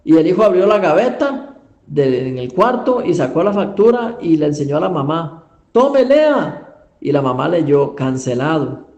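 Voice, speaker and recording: A man's voice: on the high side, lively intonation, normal speed, a little mellow, reverberant, muffled recording. A male pastor telling a sermon story in church, emphatic and full of rhetorical questions.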